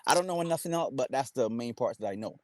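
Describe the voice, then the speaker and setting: A man's voice: mid-range voice, lively intonation, fast, no room sound. Barbadian man with a dry, close sound. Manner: rambling, many fillers and restarts. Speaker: panelist. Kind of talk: casual panel chat.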